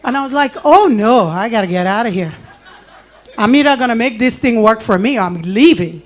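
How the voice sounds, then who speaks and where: A woman's voice: fairly high pitch, expressive, moderate pace. A middle-aged Nigerian woman giving a live talk at an event, telling stories with animation and acting out little quotes between laughs. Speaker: invited speaker.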